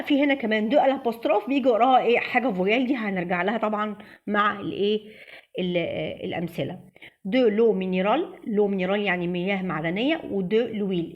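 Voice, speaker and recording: A woman's voice: a little high, muffled recording. Egyptian woman teaching French vocabulary. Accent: Egyptian Arabic. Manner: patient, repeats vocabulary aloud for drilling. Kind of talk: classroom lesson.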